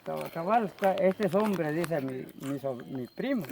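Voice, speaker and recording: A man with a Salvadoran accent tells a spooky story around a campfire, acting out his own words in a lively way. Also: fairly high pitch, normal speed, gravelly, background noise. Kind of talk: casual storytelling. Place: outdoors by a campfire.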